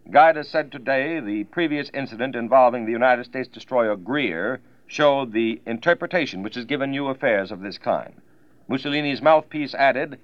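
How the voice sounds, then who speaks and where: A male news announcer reading bulletins in a formal, measured 1940s newscast style, with the sound of an old radio broadcast. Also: medium pitch, dry recording. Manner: crisp, measured announcer delivery. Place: network newsroom studio. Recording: dull, dry old radio broadcast recording.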